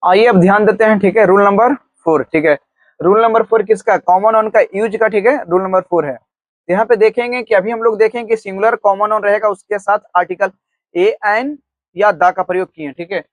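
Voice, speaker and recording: High-voiced man teaching grammar. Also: dry recording. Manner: repeats "theek hai" often, asks and answers his own questions; spells words out slowly while writing on the board. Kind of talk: online grammar lesson.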